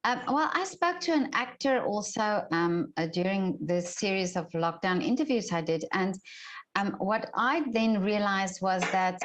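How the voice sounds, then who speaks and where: A woman's voice: medium pitch, unhurried. Hesitant woman interviewer. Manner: hesitant, lots of fillers, encouraging murmurs. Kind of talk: casual interview.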